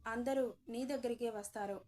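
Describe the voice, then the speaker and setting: A woman voicing a gentle, consoling middle-aged mother in a romance audio story. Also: on the high side, fairly even intonation, normal speed, close to an everyday voice. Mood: soothing. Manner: soothing, consoling.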